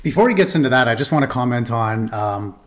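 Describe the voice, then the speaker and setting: A young man with a Canadian accent talks casually while reacting to a video, with laughing asides and frequent restarts. His voice sits at an ordinary middle pitch. He records from a small room on a desk mic while wearing headphones. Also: lively intonation, quick pace. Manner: chatty, laughing asides, repeats himself. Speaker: reaction streamer.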